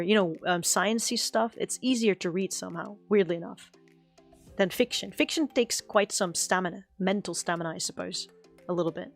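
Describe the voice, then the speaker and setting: Chatty Kansai woman streamer. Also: mid-range voice. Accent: Kansai Japanese. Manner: rambling, self-correcting, mixing Japanese and English. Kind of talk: casual chat while drawing.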